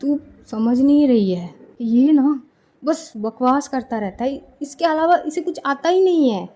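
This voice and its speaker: A woman voicing an irritated, quick-tempered young woman who complains loudly. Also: high-pitched, lively intonation. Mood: exasperated. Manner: exasperated, shouting complaints.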